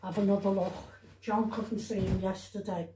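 At home, a vlogger chats to camera about her shopping haul, rambling, repeating herself and tacking little tag questions onto her remarks. Her mid-range voice is mellow and level at a moderate pace, in a roomy, echoey recording with slight background noise.

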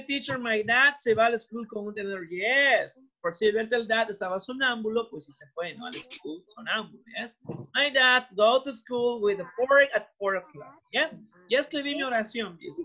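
Male English teacher, native Spanish speaker, switches between languages, repeats and translates, bright voice, muffled video call sound. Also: very high-pitched, a little hiss or hum. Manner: encouraging, repeats phrases and translates each line. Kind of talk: online class, mixing English and Spanish. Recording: dull lo-fi video call audio.

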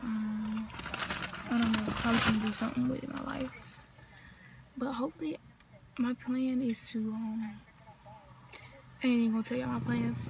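A fairly high-pitched young woman, late teens and from North Carolina, gives a meandering, slangy vlog chat into her phone camera while sitting outside. Her Southern accent comes through, along with background noise and frequent side remarks.

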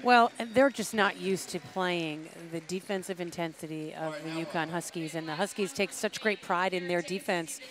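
A woman's voice: fairly low pitch, moderate pace, few pauses, crowd noise. A woman in her forties, a basketball analyst, giving emphatic commentary from a courtside desk into a headset mic. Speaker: studio analyst. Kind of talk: sports analysis.

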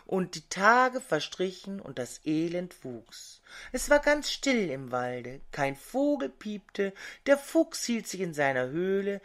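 Older female storyteller, expressive, measured, lively pitch. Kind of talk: fairy tale reading.

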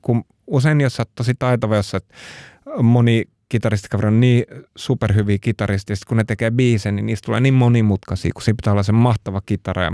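A man's voice: on the low side, warm tone, no room sound, studio quality. A Finnish man, a talk show guest, telling his story in a rambling casual way with many restarts. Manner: rambling, frequent restarts and fillers.

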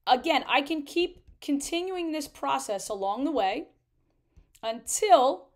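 A woman's voice: high voice, lively intonation, a little slow. A woman in her thirties, an RV travel vlogger, explaining a trip-planning tool step by step in a chatty way. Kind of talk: screen-share tutorial walkthrough.

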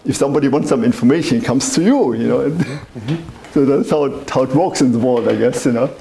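A man's voice: medium pitch, fairly quick, vocal fry, dark tone. A man in his seventies from Germany with a strong German accent, reminiscing in a rambling, conversational interview and often saying "you know". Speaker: interviewee, wine merchant. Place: indoors, small wine bar. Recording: echoey room with faint background noise.

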